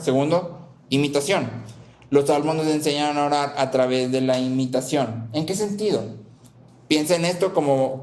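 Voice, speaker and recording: A man's voice: a little high, a little mellow, echoey room. A man preaching a sermon who repeats his key phrases and keeps asking the listeners "¿sí?" to check they follow.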